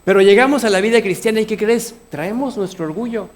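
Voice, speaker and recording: Man preaching, fairly high voice. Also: brisk. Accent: Mexican Spanish. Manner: earnest preaching, asks the congregation questions. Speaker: pastor. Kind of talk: sermon.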